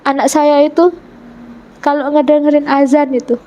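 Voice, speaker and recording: A woman with a high voice and a soft, mellow tone tells her personal story to an interviewer. She speaks earnestly, pausing and restarting, and slips into the voices of the people she quotes. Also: flat delivery, a little hiss or hum. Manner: retells events by acting out quoted dialogue. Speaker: convert telling her life story. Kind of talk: emotional personal testimony in an interview.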